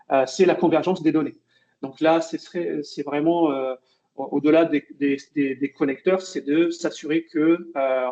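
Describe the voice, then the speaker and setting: Guy presenting a tech webinar, stops and restarts a lot, higher voice but mellow, kinda dull lo-fi sound. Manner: hesitant, many fillers and restarts.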